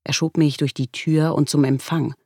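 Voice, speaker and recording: A woman reading a first-person story aloud in a wry, measured way. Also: low-pitched, fairly even intonation, warm tone, husky, no room sound, clean studio sound. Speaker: audiobook narrator. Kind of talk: first-person audiobook narration.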